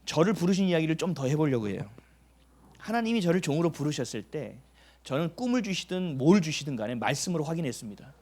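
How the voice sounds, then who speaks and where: Male pastor, middle-aged, fairly high voice, storytelling sermon that acts out the dialogue. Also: fast talker. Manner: animated storytelling, acting out dialogue; emphatic rhetorical questions.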